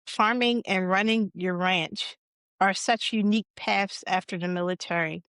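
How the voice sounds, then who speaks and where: A woman's voice: mid-range voice, steady tone, unhurried, a bit bright, clear, resonant tone, dry recording. Affirming woman podcast host, dry sound. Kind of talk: podcast interview hosting.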